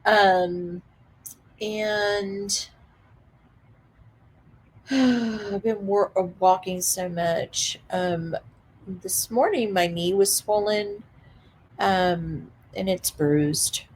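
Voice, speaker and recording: Slow-talking woman telling a dramatic story. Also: mid-range voice. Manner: animated, dramatic retelling with frequent laughter. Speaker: reseller vlogger. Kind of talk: casual storytelling vlog.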